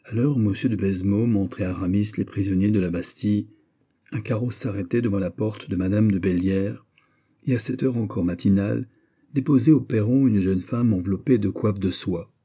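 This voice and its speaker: A man narrating a classic novel as an audiobook with a measured, even reading. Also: on the low side, slightly rough.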